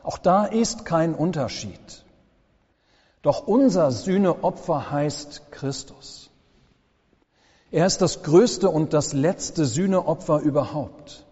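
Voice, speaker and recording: A man preaching a sermon as pastor, slow and solemn with dramatic pauses, in a church. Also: a little high, expressive, warm tone, husky. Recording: long church reverb, dull lo-fi sound.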